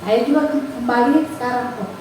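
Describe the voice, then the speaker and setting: Earnest woman principal in her thirties, fast delivery, roomy and noisy recording. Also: on the high side. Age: 30s. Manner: earnest, explains with examples and quoted dialogue. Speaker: school principal. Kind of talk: interview about school leadership. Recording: echoey room, far from mic, noisy.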